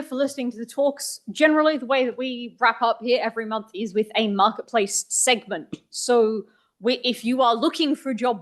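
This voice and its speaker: A woman's voice: a little high, fairly bright tone. A woman hosting a tech meetup, making chatty, lightly joking announcements to a live room. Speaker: meetup host. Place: meetup venue, live audience.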